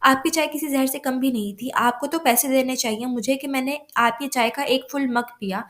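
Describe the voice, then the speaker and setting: A cheeky, sharp-tongued young bride-to-be in an audio novel, as a woman reads her lines in a Pakistani Urdu accent. Her voice rides high and lively, quick with teasing comebacks.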